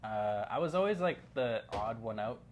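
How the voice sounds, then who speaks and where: A man's voice: medium pitch, lively intonation, normal speed. Easygoing man in his thirties, rambling. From Canada. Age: 30s. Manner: loose, rambling, lots of "like". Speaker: guest. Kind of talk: casual interview chat.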